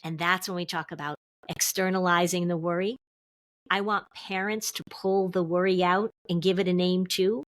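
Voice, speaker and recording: A middle-aged woman therapist, a guest on a podcast, explaining in an animated way and acting out what her clients say. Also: lowish voice, normal speed, no room sound. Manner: animated, acts out quotes from clients. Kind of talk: podcast interview.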